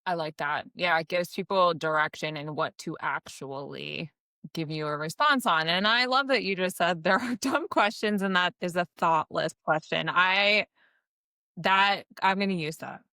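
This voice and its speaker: A woman's voice: fairly low pitch, moderate pace, bright, forceful tone, smooth, dry recording. A woman hosting a casual podcast interview, enthusiastic and candid, swearing now and then. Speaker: podcast host.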